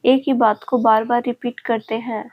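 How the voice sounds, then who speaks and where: A woman's voice: on the high side, flat delivery, normal speed, highs cut off, close to an everyday voice. A woman voicing a young bride in a storybook reading, polite with a teasing edge. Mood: pleading. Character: young bride, meek but quick-tongued.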